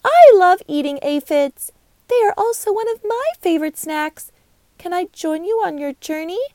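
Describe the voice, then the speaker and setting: A woman voicing a cheerful, curious young ladybug girl in a storybook, with bubbly excitement. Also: extremely high pitch, normal speed, no room sound. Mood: eager.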